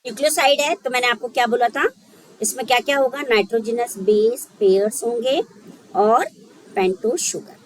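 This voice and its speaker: A woman's voice: fairly high pitch, a little fast, low-quality recording. A woman teaching a biology lesson for exam preparation, thinking aloud and checking in often with her students. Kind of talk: exam-prep lecture.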